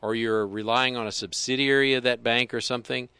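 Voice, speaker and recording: Bright, crisp-voiced man chatting about finance. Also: medium pitch, steady tone, fairly quick, no echo. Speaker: co-host. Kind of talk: casual financial talk show chat.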